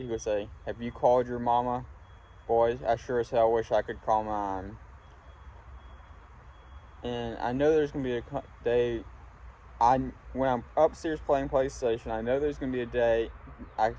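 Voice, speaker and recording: A young man from Alabama talking in a casual, halting, reflective ramble while smoking a pipe, often trailing off. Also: medium pitch, mellow. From Alabama, United States. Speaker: vlogger talking to viewers. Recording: windy, clear background noise. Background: wind.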